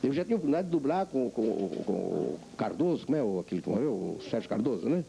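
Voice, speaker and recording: An older man, a veteran voice actor, being interviewed and telling animated stories about his craft. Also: mid-range voice, rapid-fire, creaky, slight background noise, rough recording. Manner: animated storyteller, acts out voices. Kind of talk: reflective interview talk.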